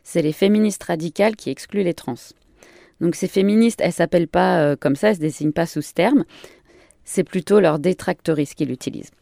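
Woman radio host, lowish voice, dry studio sound, explains stuff w lots of little pauses and ums. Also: vocal fry, warm tone, no room sound. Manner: earnest, explanatory, with frequent hesitations. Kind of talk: scripted radio introduction.

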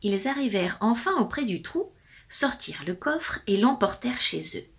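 A woman narrating a folk tale in a lively, expressive storybook reading. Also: medium pitch, normal speed.

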